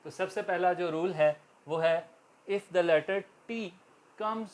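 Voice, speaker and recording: A man with a Pakistani accent, an Urdu speaker, giving an English lesson in a classroom-style lecture and spelling words out letter by letter. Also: sits high. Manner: slow, deliberate, spells out letters one by one. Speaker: English teacher.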